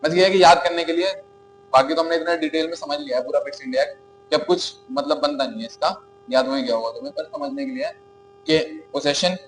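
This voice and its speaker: Indian man teaching a class, voice pitched high. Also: rough recording. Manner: asks the class questions and answers them himself; repeats points and often checks in with "okay?". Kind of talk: classroom lecture.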